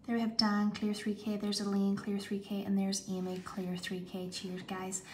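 A woman's voice: medium pitch, completely flat delivery, normal speed, a little mellow. A woman hosting a live online prize draw, calling out numbers and winners in the manner of a bingo caller. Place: indoors, filming a tablet screen. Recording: clear background noise.

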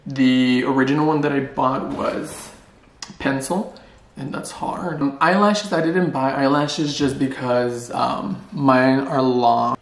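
A man's voice: medium pitch, steady tone, takes it slowly. A man chatting playfully in a casual vlog and joking at his own expense. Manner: playful, chatty and self-mocking. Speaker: vlogger. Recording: roomy echo.

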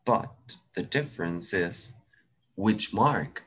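A man's voice: sits low, animated, extremely slow, pushed and bright, husky. A man with a Venezuelan accent teaching English in an online class, switching between Spanish and English, patient and encouraging.

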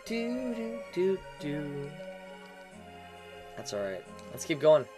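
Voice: mid-range voice, very animated, takes it slowly. Crude, jokey let's play commentator. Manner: crude, jokey, swears a lot. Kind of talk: casual game commentary. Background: faint game music.

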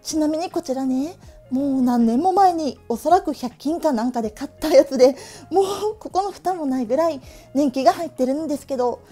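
Woman, late 30s, Tokushima Awa-dialect accent, very high voice, cheerful chatty vlogger, faint music behind. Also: dark tone. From Tokushima, Japan. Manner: cheerful, chatty, laughs often. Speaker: stationery vlogger. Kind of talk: casual chat to camera.

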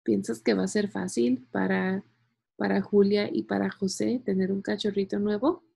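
A woman reading a children's book aloud like a teacher. She explains words gently and speaks directly to the young listeners. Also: medium pitch, steady tone, normal speed, creaky, husky.

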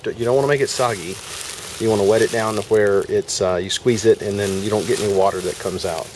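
A man's voice: on the low side, fairly even intonation, fast, a little mellow, a little hiss or hum. A man hosting a homestead video, talking casually through a hands-on demonstration outdoors in a yard, folksy and step by step. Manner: folksy, talks through each step while working.

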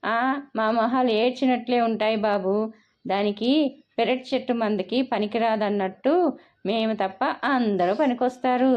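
A woman voicing a sarcastic, sharp-tongued middle-aged mother in a dull lo-fi recording. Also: medium pitch, big pitch swings, moderate pace, voice pushed up. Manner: sarcastic, cutting.

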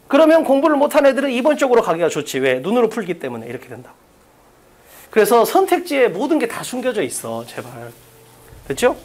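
Animated woman drilling a class. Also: on the high side. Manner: rapid rhetorical questions, drilling students; blunt, teasing, occasionally crude. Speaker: English exam-prep teacher. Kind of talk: live classroom lecture. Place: classroom with blackboard.

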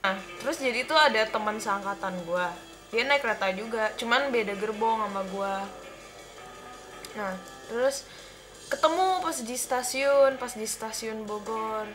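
High bright-voiced young woman rambling. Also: a little slow, soft background music. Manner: rambling, self-interrupting, reacts loudly to the game. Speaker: gameplay commentator. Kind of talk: casual gameplay commentary and storytelling.

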